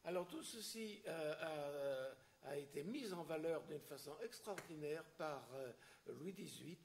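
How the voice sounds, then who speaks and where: Hesitant French lecturer, a man with higher pitch. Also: expressive, a little slow, gravelly, slight background noise. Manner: hesitant, many filler sounds and restarts. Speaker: historian lecturer. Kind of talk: public lecture with questions.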